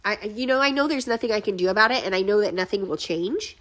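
A woman in her thirties, a podcast host, telling a painful personal story in an emotional, profane, halting way, close to tears. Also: mid-range voice, animated, fairly bright tone.

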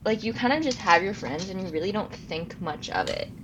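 In a rough recording with a little hiss or hum, a medium-pitched woman speaks briskly with lively intonation. Nineteen and from Los Angeles, California, she co-hosts a casual podcast, spinning stories with side trips and self-corrections.

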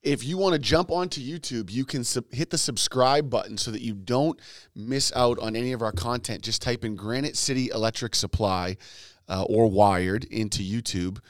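A man's voice: mid-range voice, moderate pace, no echo, clean studio sound. Easygoing joking male podcast co-host. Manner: joking, easygoing, plugs the show. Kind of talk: casual podcast banter.

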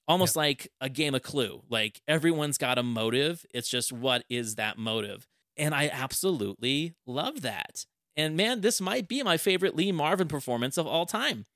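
A man hosting a podcast, chatting casually with enthusiastic, animated storytelling. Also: mid-range voice, no echo, studio quality. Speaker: podcast host. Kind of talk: casual chat.

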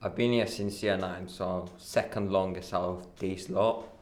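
Teen boy co-host, slow and low, echoey room. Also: fairly even intonation, darkish tone. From Bulgaria. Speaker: podcast co-host. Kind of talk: casual explanation.

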